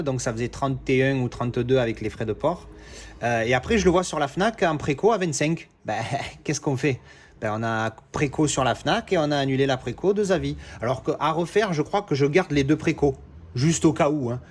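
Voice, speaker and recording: A man, chatting excitedly through an unboxing, full of fillers and self-corrections. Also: medium pitch, moderate pace. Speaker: collector unboxing discs. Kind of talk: casual unboxing vlog.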